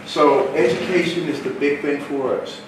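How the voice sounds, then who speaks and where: At a normal speed and a slightly high pitch, this seminar speaker drives home his motivational sales message, animated and repetitive like a preacher. It's recorded from a distance in a loud, reverberant hall with a live audience.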